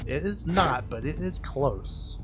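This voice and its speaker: A man's voice: a little high, lively intonation, takes it slowly. A man running a tabletop game as game master, giving terse rulings and short bits of combat narration.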